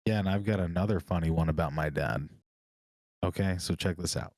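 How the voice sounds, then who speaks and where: A man co-hosting a podcast, telling stories in a casual chat and getting animated when he quotes people. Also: low-pitched, brisk, no echo. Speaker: podcast co-host.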